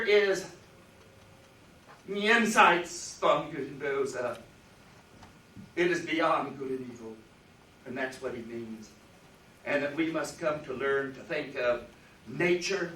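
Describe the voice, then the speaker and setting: A man gives an emphatic university philosophy lecture in a bright, forceful, mid-range voice, pressing hard on key terms. The recording comes from far back in a roomy hall, with faint ambience and a little hiss or hum.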